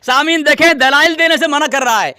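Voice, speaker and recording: A man in a heated religious debate, speaking to the listeners, mocking his opponent and ordering him to stay quiet. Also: very high voice, fairly quick. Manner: commanding, demands silence, mocking.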